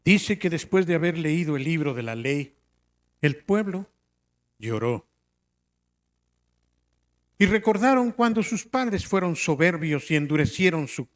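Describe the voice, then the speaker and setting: A middle-aged man preaching a sermon to a congregation, asking rhetorical questions and swinging between loud emphatic lines and quiet drops. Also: fairly high pitch, sing-song, measured pace, long pauses.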